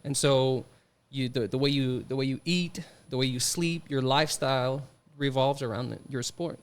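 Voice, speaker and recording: A French Canadian hockey player with a Quebec accent answers interview questions thoughtfully, using lots of restarts and fillers. His voice is medium-pitched and clean, at a normal speed.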